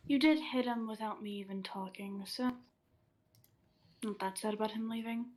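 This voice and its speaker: A woman's voice: fairly high pitch, fairly even intonation, moderate pace, darkish tone. A woman playing a tabletop game who picks at the group's plan and argues her point. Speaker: player. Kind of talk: casual tabletop play.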